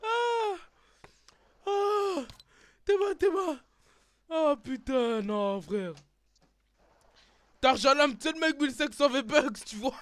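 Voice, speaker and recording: Very high-pitched giggly, excitable young man. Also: slow, long pauses, slight background noise. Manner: excitable, laughing, giggly outbursts with shouting. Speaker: gamer and video maker. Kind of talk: casual chat over a video game. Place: small room at home.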